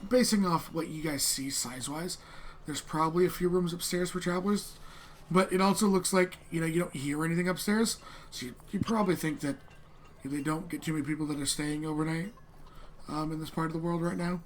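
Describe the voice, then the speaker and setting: Higher-voiced man narrating haltingly as game master. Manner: halting, conversational, hedging. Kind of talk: improvised tabletop game narration. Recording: clearly noisy room.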